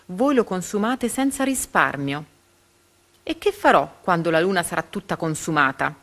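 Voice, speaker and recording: A woman reading as a greedy pompous tyrant. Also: on the low side. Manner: slow, emphatic, possessive declaiming. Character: greedy pompous male tyrant, bullying and demanding. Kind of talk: storybook reading.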